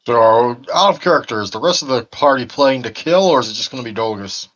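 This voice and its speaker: A man playing a tabletop game online, asking deliberate questions with some hesitation. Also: mid-range voice, expressive, a bit bright. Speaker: player. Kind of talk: casual tabletop game chat. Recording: dull lo-fi mic.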